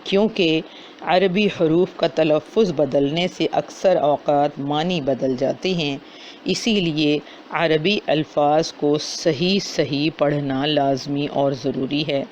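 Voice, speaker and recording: Guy teaching recitation rules, kinda high voice, slows way down on examples, muffled lo-fi audio w light hiss. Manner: slows down to demonstrate correct pronunciation. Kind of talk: explanatory lesson with demonstrated recitation. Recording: dull lo-fi recording with faint noise.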